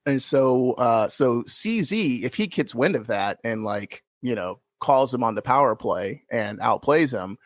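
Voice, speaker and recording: A man's voice: mid-range voice, lively intonation, unhurried, hardly any pauses, dry recording. Emphatic rambling man, dry close sound. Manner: rambling, emphatic, frequent restarts. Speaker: podcast co-host. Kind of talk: casual podcast discussion.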